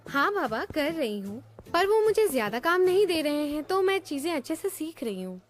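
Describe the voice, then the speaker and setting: Girl voicing a talkative young daughter, high lively voice, faint music. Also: normal speed. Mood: chatty. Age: young adult. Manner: chatty, talks back playfully. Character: cheerful young daughter with a new job. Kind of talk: Hindi dub of a TV drama.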